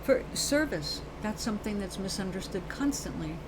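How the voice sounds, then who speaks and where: "Baby" and "darling" are how a New York-accented woman from New York addresses her audience as she hosts a live show, chatting casually, earnestly and ramblingly about spirit. Her mid-range voice has lively intonation at normal speed, with background noise present.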